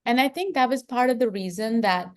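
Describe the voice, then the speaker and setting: Brisk and fairly high-pitched with a darkish tone, a middle-aged Indian-accented woman reflects on her work as a film director in an interview. She speaks earnestly, thinking out loud and frequently starting over.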